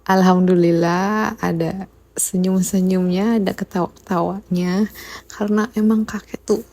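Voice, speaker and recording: A young woman from Indonesia narrating a casual vlog, soft-spoken and given to small laughs. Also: mid-range voice, steady tone, unhurried. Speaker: vlogger.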